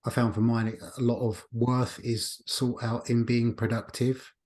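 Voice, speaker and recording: A man's voice: medium pitch, little pitch movement, unhurried, darkish tone. A man hosting a podcast, talking in a reflective, casual way and often restarting his sentences as he thinks aloud. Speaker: podcast host. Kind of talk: casual conversation.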